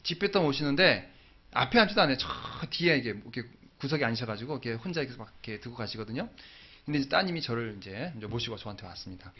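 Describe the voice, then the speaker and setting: Brief: male preacher, lively swooping delivery, storytelling sermon, dull lo-fi recording. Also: medium pitch, very fast, husky. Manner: animated storytelling, acting out dialogue. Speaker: pastor.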